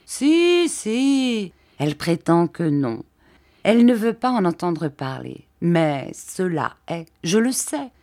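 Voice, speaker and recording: A woman reading an audiobook, voicing a kindly, simple-minded older gentleman who talks in earnest, halting phrases. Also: lowish voice, big pitch swings, heavily acted.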